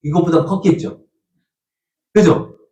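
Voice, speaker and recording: Heard from a distant mic in an echoey church sanctuary, this pastor speaks at a measured pace with a fairly high pitch and a warm tone. His sermon tells a story, posing questions to the congregation and voicing its characters.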